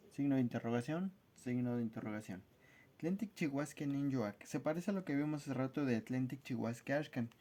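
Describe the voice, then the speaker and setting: At a whiteboard, a man with a medium-pitched, dark voice gives a language lesson, spelling words out slowly and carefully in a friendly, casual manner.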